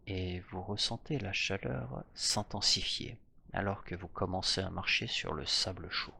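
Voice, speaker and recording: A man narrating a guided hypnosis journey in a soft, slow voice that drifts into whispers. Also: low-pitched, vocal fry, breathy edge.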